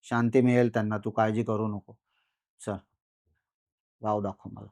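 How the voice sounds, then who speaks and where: A man voicing a stern male Aghori ascetic in his story, speaking quietly and measured. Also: on the low side, little pitch movement, dry recording, studio quality, natural voice. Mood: calm commanding.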